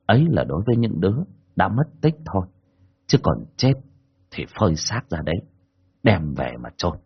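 Man, husky voice, lively storytelling, dull lo-fi recording. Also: sits low, moderate pace. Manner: expressive, colloquial. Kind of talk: dramatic audiobook narration.

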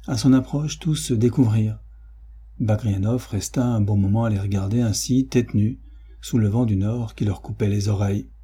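A man narrating a novel as an audiobook reader, in a measured, even storytelling manner. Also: on the low side, slightly rough. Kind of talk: scripted literary narration.

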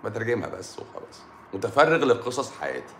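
Egyptian doctor guy doing a live from home, low voice, jokey, roomy echo. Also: very animated, quick pace, a bit bright, a little hiss or hum. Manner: joking and teasing, laughs often, addresses viewers by name. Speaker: doctor hosting a live stream. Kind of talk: casual live stream chat reading viewer comments.

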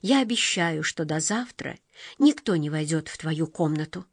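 A woman voicing a gentle middle-aged mother who speaks softly and tenderly. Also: low-pitched, expressive, normal speed, no echo, studio quality, pitched below the performer's own voice. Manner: soft, tender, persuasive.

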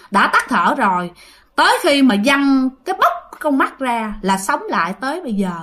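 Chatty Southern Vietnamese woman storyteller. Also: fairly high pitch. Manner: chatty, repeats phrases, addresses listeners directly. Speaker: ghost story host. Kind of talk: casual spoken storytelling.

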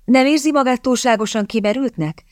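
A woman reading aloud as a quick-witted young lady with feigned polite innocence, in a storybook reading. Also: fairly low pitch, lively intonation, no room sound, clean studio sound, natural voice. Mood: sly polite. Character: sharp-witted young woman hunting a rich husband.

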